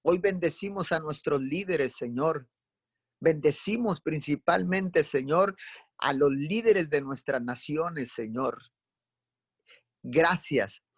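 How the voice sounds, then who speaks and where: A man's voice: on the high side, slow, breathy edge, no echo. A man leading a fervent live prayer, calling on the Lord between every phrase.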